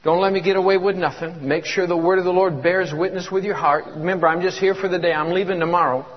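Speaking fast in a high voice with fairly even intonation, a man in his fifties preaches a guest sermon at church, fervently repeating words and calling out for the congregation to respond. The audio is echoey and dull, lo-fi hall sound.

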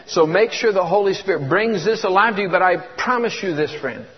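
A faint crowd can be heard as a high-pitched, animated guest preacher in his 50s delivers a fervent church sermon at a fairly quick pace. He repeats words and calls for congregation responses, and the recording has an echoey hall and dull lo-fi sound.

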